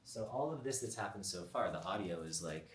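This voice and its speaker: Give me a man with a very low voice, recorded up close on a microphone. He talks in a relaxed, reflective way, with lots of "like" and "um." He pauses to think as he goes. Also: slight background noise. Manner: thoughtful, reflective, with frequent "like" and "um". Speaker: relating practice facilitator. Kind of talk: casual conversation. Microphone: close mic.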